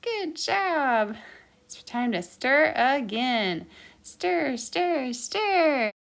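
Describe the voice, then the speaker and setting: Her voice is high-pitched and a bit bright, with vocal fry and drawn-out, sing-song words. She's running an interactive children's baking lesson built around counting and singing, coaxing listeners along by repeating her instructions.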